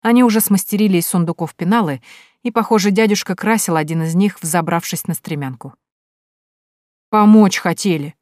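A woman narrating an audiobook in the first person, with lively, wry storytelling. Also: on the low side, a little fast, dry recording, studio quality.

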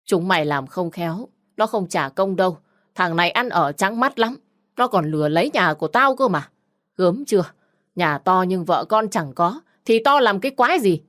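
A woman voicing a poor older village man who shouts curses at a neighbor, then wails and pleads in despair. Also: on the low side, normal speed, no room sound, studio quality, natural voice. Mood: scornful.

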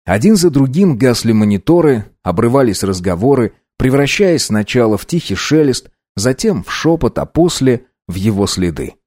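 A man narrating an audiobook in a steady, even reading. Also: medium pitch, normal speed, hardly any pauses, no echo, studio quality.

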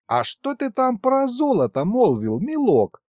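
A greedy old grandfather, nosy and eager, his voice jumping high, as a man puts him on. It is an audiobook voice, recorded dry and close. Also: wildly swooping pitch, unhurried, darkish tone, no room sound, full character voice.

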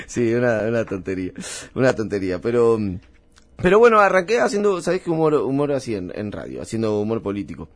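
An Argentine man talking as a guest on a radio show, his pitch swinging widely as he tells jokes. He rambles, backtracks and laughs at his own bits, heard through a studio microphone. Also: huge pitch swings, brisk, long pauses. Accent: Argentine Spanish. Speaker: comedian guest. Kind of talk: casual interview banter with comic bits.

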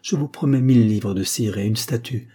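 A man voicing a panicked rich burgher who pleads slowly in prayer. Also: medium pitch, mellow, slightly rough, lightly acted. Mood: pleading. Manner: pleading, drawn-out. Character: panicked rich burgher praying on his knees.

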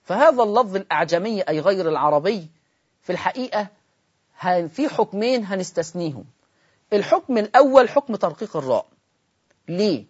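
A man with an Egyptian Arabic accent teaching Quran recitation in a televised lesson, explaining with rhetorical questions and slowing down to model the words. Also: high voice, big pitch swings, husky, muffled recording.

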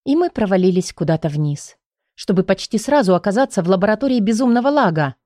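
A woman narrating a first-person fantasy audiobook in an expressive, emotional way. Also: mid-range voice, quick pace, no room sound, clean studio sound.

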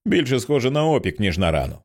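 A man's voice: medium pitch, very animated, fast talker, slightly rough. A man reading the lines of an easygoing young man in an audiobook, wry and casual.

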